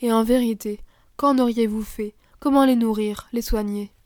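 A woman voicing a kind mother who gently reasons with her little girls. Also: a little high, steady tone, moderate pace, no echo, clean studio sound, lightly acted. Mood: gentle.

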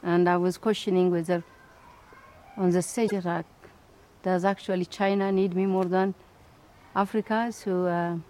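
A middle-aged woman scientist from Ethiopia, answering interview questions thoughtfully with many pauses, fillers and restarts. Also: on the low side, steady tone, dark tone. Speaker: scientist and institute director.

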